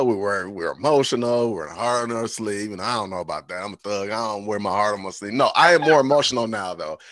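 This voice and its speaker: A man hosting a podcast, chatting casually and telling animated stories about himself. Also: low-pitched, no echo. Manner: animated storytelling, repeats "like". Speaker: podcast host. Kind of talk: casual chat.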